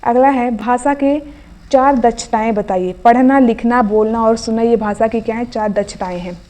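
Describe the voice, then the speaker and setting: Woman teacher quizzing through a hindi revision class, highish voice, soft mellow tone. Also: fairly even intonation, normal speed. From India. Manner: quizzing, asks then answers each question. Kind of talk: exam revision lesson.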